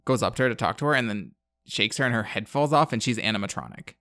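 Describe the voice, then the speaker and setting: A man's voice: lowish voice, lively intonation, fast, a bit bright, no room sound, studio quality. Blunt sarcastic man recapping a movie. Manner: blunt, sarcastic, rambling with many fillers. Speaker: podcast host. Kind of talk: casual movie recap chat.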